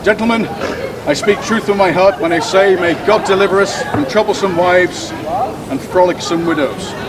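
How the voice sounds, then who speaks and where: A man's voice: high voice, normal speed, natural voice. A man playing an aggrieved nineteenth-century husband auctioning his wife, in pompous, declamatory street theatre. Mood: aggrieved ranting. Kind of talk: theatrical public oration in street performance. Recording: distant outdoor voice, crowd and traffic noise.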